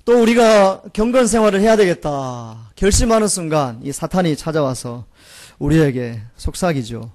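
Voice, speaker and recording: A man's voice: fairly high pitch, animated, moderate pace, darkish tone. A male pastor preaching a Sunday sermon, asking rhetorical questions in an earnest manner.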